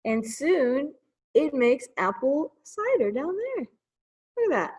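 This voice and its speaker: This high-pitched woman runs a storytime for little kids, slowly reading a picture book in a sing-song, expressive style and pausing for chatty comments.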